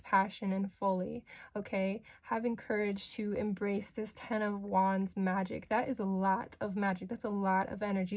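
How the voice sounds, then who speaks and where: A woman with a mid-pitched voice gives an informal fortune teller reading of tarot and oracle cards. She talks directly to the listener in a reassuring, mystical way, often checking in as she goes. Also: a little mellow. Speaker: tarot card reader, host.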